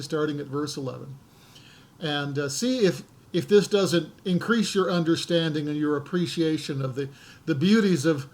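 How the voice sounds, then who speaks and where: A man giving an unhurried, explanatory lesson, then carefully reading a scripture passage aloud. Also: fairly high pitch, a little mellow. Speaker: language teacher.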